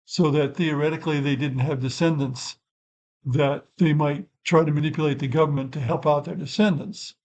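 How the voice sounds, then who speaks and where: With poor audio, an older host talks through a subject on his channel, unscripted and rambling, thoughtfully correcting himself in asides. He has a fairly high, slightly mellow voice, fairly even intonation, and a moderate pace.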